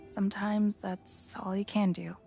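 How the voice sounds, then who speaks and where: A woman's voice: mid-range voice, little pitch movement, a little slow, creaky, dark tone, soft background music. A woman acting a weary, grieving middle-aged mother in a video game, subdued and confiding. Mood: weary, worried. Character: weary grieving divorced mother, worried about her child.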